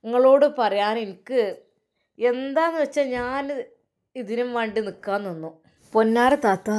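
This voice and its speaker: A woman's voice: medium pitch, darkish tone, natural voice. A woman voicing a worried, talkative middle-aged village woman with a Malappuram Malayalam accent, rambling and pleading as she confides in an older relative. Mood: apologetic.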